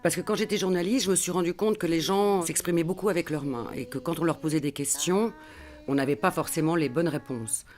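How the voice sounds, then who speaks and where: Middle-aged woman, photographer, calm reflective interview voice, thoughtful pauses. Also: low voice. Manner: thoughtful, pauses to search for words.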